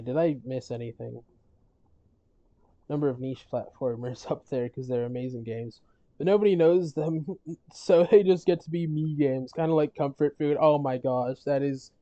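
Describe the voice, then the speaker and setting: A streamer chatting casually on a gaming stream, rambling with halting restarts and frequent laughs, their voice worn from talking all day. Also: medium pitch, warm tone, no echo, lo-fi sound. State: losing their voice.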